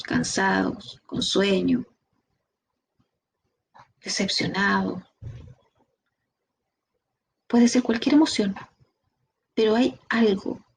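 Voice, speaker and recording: Gravelly Chilean woman teaching a class. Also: medium pitch, slight background noise. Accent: Chilean Spanish. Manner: lively, talks to the class directly with rhetorical questions. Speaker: instructor. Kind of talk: online training lecture.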